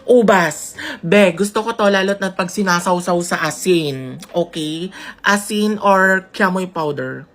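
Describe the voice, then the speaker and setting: A woman's voice: fairly low pitch, a little slow, fairly bright tone. A woman chatting casually to her phone camera, gossiping and telling stories straight to her followers. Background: background music.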